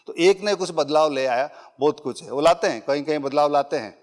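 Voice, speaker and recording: Fairly quick and on the high side, this middle-aged man's voice carries a conversational public speaking workshop for a live audience. Along the way he uses English phrases and everyday examples to get his points across.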